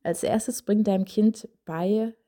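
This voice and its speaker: A woman's voice: mid-range voice, steady tone, takes it slowly, warm tone. A woman giving casual parenting advice in a direct, conversational way, speaking straight to the listener with frequent fillers.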